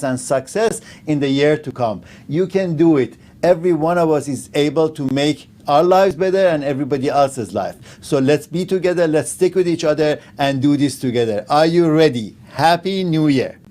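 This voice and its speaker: A man's voice: a little high, a little mellow. A man, a company founder, giving an upbeat, motivational new year greeting.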